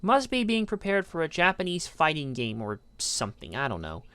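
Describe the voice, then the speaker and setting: Brief: woman game reviewer, low but lively voice, sarcastic narration. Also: a little fast, background noise. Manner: dry, sarcastic asides. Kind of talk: scripted video-essay narration.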